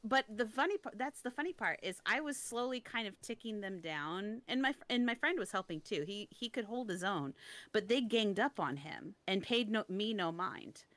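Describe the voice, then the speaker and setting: A young woman telling a story in casual chat, self-deprecating, with frequent quick restarts. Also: mid-range voice, lively intonation, fairly bright tone.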